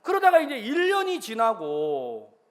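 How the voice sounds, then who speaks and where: A man preaching a sermon as a pastor, telling a story in an animated way and acting out phone conversations. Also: very high voice, measured pace, slight background noise. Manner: animated, acts out phone conversations in varied voices.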